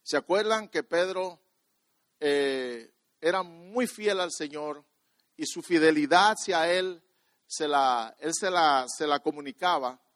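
A man preaching a sermon, telling a personal story, often repeating and restarting words and swinging between quiet and loud. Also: a little high, slow pace, no echo.

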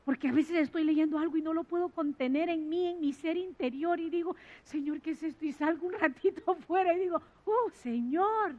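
A woman with a high voice preaches a sermon, swinging between loud, fervent bursts and hushed asides. The recording sounds dull and muffled. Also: steady tone, fairly quick, hardly any pauses.

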